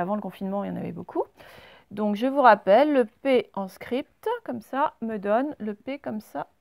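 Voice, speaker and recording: Here the woman's voice sits fairly high and sounds gravelly and somewhat dark, with no room sound. A primary teacher at the blackboard, she dictates joined-up handwriting slowly and patiently, step by step, in a recorded lesson for her pupils.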